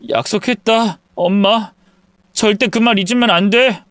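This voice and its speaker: A man voicing a remorseful teenage son who is crying and pleading in high, urgent bursts. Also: unhurried, fairly bright tone, dry recording. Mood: tearful pleading. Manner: high, urgent, sobbing pleas.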